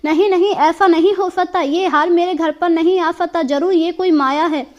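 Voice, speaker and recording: Lady doing a whiny greedy merchant guy from a bedtime story, high voice, always protesting. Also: fairly even intonation, normal speed, lo-fi sound. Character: greedy, jealous middle-aged male merchant. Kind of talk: storybook character voice.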